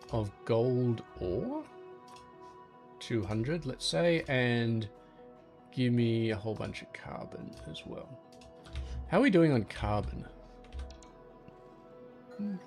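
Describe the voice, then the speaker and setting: A man giving relaxed gameplay commentary, thinking aloud as he plans and talks to things in the game, with soft music behind him. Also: mid-range voice. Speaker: gaming channel host.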